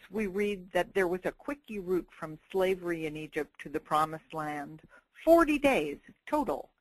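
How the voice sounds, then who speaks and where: A middle-aged woman giving a wry, expressive sermon-style talk, acting out quoted voices. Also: low voice, dry recording, low-quality recording. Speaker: speaker giving a Torah talk.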